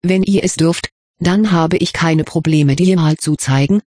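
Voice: medium pitch, a little slow, a little mellow, no room sound, clean studio sound, close to an everyday voice. Reader voicing a furious jealous schoolboy. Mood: angry. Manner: angry, hissing. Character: young schoolboy, hot-tempered and jealous.

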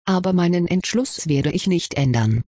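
A reserved teenage wizard boy, as a reader puts him on, gives short, careful answers in an audiobook. The voice is husky and slightly breathy. The sound is close and dry. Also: mid-range voice, lively intonation, moderate pace, darkish tone, no echo, close to an everyday voice. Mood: guarded. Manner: curt, cautious answers. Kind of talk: audiobook character reading.

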